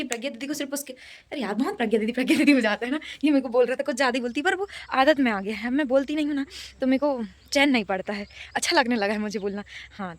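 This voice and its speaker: A young woman who is unwell, chatting playfully in a casual home vlog, laughing often. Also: on the high side. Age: young adult. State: unwell with a fever. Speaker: vlogger. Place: family home, indoors and outdoors.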